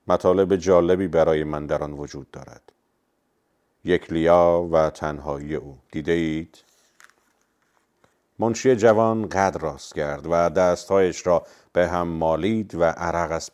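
A man narrating a novel and voicing its characters in a calm, measured reading. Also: deep voice. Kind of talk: audiobook reading with character voices.

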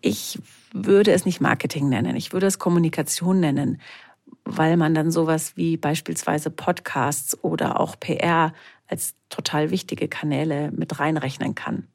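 A podcast co-host explaining a topic in a measured, slightly formal way. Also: mid-range voice, creaky.

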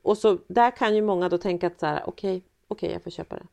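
A woman's voice: fairly low pitch, gravelly, mellow. A woman co-hosting a casual chat over a video call, rambling with many fillers and restarts, from a small room full of guitars. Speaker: podcast co-host, mother.

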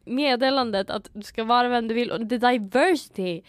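A woman's voice: a little high, clear, resonant tone, dry recording, studio quality. A young woman co-hosting a casual chat podcast, talking reflectively and slipping in English phrases. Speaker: podcast co-host.

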